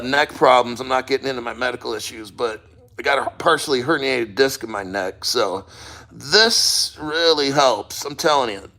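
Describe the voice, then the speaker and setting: Man, sharp bright delivery, immersed in ice cold water. Off-the-cuff vlog host, blunt and sweary. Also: mid-range voice, gravelly. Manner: blunt, profane, rambling. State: sitting neck-deep in ice cold water. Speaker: crypto podcast host. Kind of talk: casual talk to camera.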